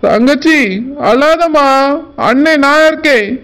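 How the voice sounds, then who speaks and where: Voice actor doing a squeaky soothing big brother. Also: male voice, unhurried, a bit bright. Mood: comforting. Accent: southern Tamil Nadu village. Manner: soothing, protective. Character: caring elder brother, village man.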